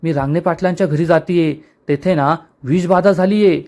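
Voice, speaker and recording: A man reading the lines of an eager, hurried young village girl. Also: on the high side, darkish tone, natural voice. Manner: breathless, hurried.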